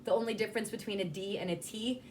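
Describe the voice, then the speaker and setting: A woman's voice: medium pitch, steady tone, fast talker, a little hiss or hum. A woman vocal coach talking casually and informally as she explains and demonstrates how to articulate sounds. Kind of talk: casual instructional talk with demonstrations.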